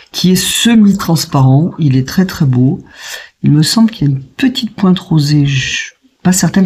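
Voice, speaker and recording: A woman's voice: low voice, darkish tone, husky. A woman talking through a watercolour palette test in a chatty, hesitant way, thinking aloud with frequent fillers. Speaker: watercolour painter testing a palette. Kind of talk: casual tutorial narration.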